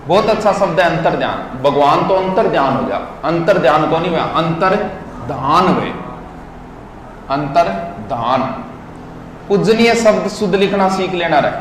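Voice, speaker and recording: A man's voice: fairly high pitch, lively intonation, brisk, hardly any pauses. A man, teaching in a classroom lecture and drilling words syllable by syllable while quizzing his listeners. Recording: echoey hall with faint noise.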